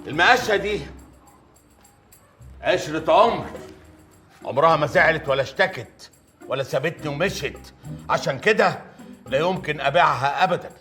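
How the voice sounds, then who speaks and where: A stingy, short-tempered older man with an Egyptian accent, protective of his old things. His tone is sharp and tense, and it sits a little high. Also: expressive, normal speed, long pauses, soft background music. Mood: grumbling. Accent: Egyptian Arabic. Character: stingy grumpy older man, quick to anger.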